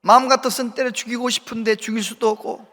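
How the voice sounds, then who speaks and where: A man's voice: very high voice, level tone, fast talker, a bit bright. A middle-aged man preaching a sermon as pastor, telling a story and acting out the voices of the people in it. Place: church sanctuary. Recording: long hall reverb from the church. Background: hall reverb.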